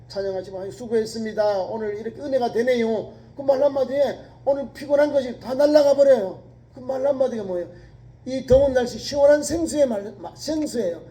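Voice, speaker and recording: High-voiced mellow Korean pastor preaching. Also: male voice, poor audio. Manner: earnest, exhorting, repeats key words. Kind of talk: sermon.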